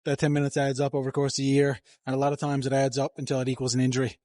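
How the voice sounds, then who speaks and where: Racing through his words in a completely flat, mellow, mid-range voice, a fitness vlogger narrates his workout in a gym. He coaches and rambles casually into a handheld mic, breathing hard between sets, and there's no echo.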